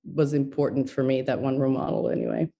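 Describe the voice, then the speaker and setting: A woman's voice: a bass voice, level tone, quick pace, dark tone, lo-fi sound. A middle-aged woman from Ecuador, a neuroscientist, speaking thoughtfully in an interview with many fillers and restarts. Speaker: neuroscientist guest.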